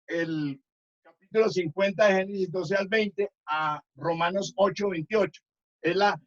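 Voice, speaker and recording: High-voiced preacher, lo-fi sound. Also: male voice. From Colombia. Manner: storytelling with many restarts. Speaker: minister. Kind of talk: Sabbath school lesson testimony. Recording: dull lo-fi recording.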